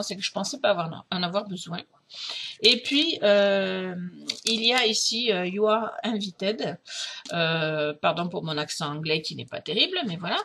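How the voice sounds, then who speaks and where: A woman's voice: mid-range voice, sharp tone, slight background noise. Chatty middle-aged woman with fillers. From France. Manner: chatty, hesitant, many fillers. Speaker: craft vlogger. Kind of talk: casual haul vlog.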